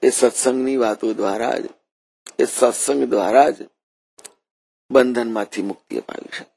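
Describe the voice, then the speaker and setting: A man's voice: medium pitch, normal speed, gravelly, darkish tone, slightly rough, dry recording. A man preaching a devotional sermon, telling a story and often repeating and rephrasing his words. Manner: repeats and rephrases while narrating.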